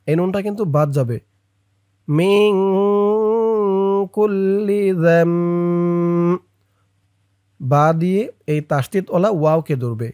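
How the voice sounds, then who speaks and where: A man with a Bangladeshi Bengali accent leads a patient recitation lesson, spelling out each syllable and drawing the words out long so listeners can copy him. His voice sits high and moves at an unhurried pace. The close, dry studio sound leaves no room echo. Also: darkish tone. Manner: slow drawn-out chanting of words, quicker plain explanations. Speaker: Quran recitation teacher.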